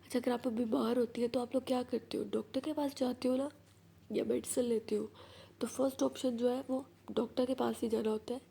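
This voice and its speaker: A woman with a Pakistani Punjabi accent teaching an English class in Hindi-Urdu, reading English sentences slowly and then explaining them. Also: fairly high pitch, steady tone, vocal fry, warm tone, husky. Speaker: school teacher. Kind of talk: classroom lesson.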